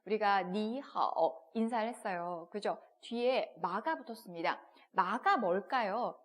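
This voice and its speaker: A woman's voice: medium pitch, expressive, a little slow. A woman teaching Chinese in a textbook video lesson, explaining step by step with rhetorical questions and modelling pronunciations. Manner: models pronunciations in short repeated syllables.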